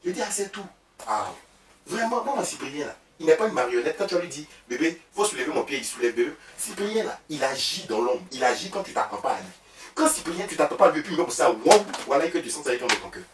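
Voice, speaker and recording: A man with a somewhat high voice and quick delivery portrays a boastful, gossiping woman with an Ivorian French accent who chatters about her husband in a comedy sketch, animated and breaking into loud outbursts. The roomy recording is distant, with slight background noise.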